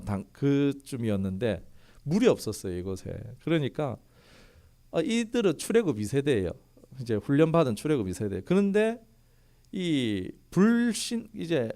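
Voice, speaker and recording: Guy pastor giving a sermon, really animated pitch, lots of rhetorical questions, mid voice. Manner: lively, fires rhetorical questions at the congregation; reads scripture aloud in a formal tone.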